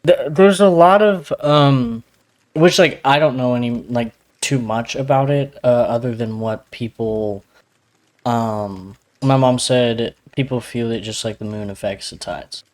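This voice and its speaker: A man's voice: medium pitch, a little slow. A man co-hosting a podcast, with a slight lisp, explaining things in a rambling, hedging way full of fillers. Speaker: podcast co-host. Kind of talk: casual podcast chat.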